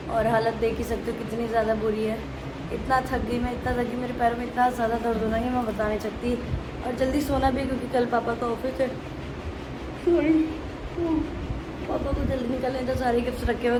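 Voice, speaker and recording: A woman's voice: fairly high pitch, noisy background. A young woman from India narrating her vlog in a heartfelt, chatty way, mixing English words into her talk. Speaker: vlogger. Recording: voice over loud background music.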